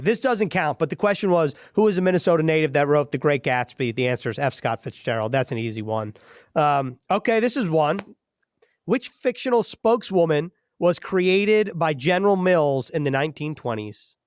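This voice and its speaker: A man's voice: on the high side, expressive, moderate pace, dry recording, clean studio sound. A man hosting a sports podcast, running the chat in a friendly, easygoing way. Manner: friendly, easygoing, laughs often. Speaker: podcast host.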